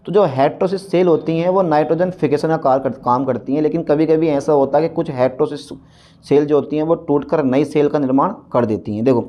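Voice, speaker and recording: A man's voice: medium pitch, mellow. A male teacher giving a repetitive, coaxing lecture straight to his students. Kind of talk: classroom-style lecture. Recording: dull lo-fi recording.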